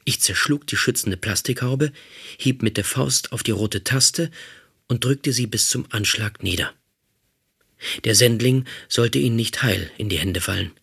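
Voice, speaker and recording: A man giving a calm, measured audiobook narration. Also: medium pitch, gravelly, husky.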